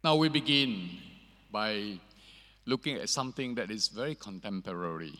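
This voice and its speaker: A man preaching a sermon as pastor, earnest and measured, pausing on fillers, his voice ringing with a long cathedral-like echo. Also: on the low side, lively intonation, pushed and bright. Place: church sanctuary. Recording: echoey church hall reverb.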